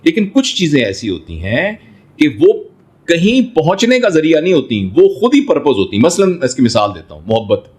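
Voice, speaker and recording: Male doctor, interview guest, fatherly, lively intonation, rhetorical questions. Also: fairly high pitch, slightly rough. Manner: explains through everyday examples and rhetorical questions; fatherly, addresses listener as son. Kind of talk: reflective interview answer.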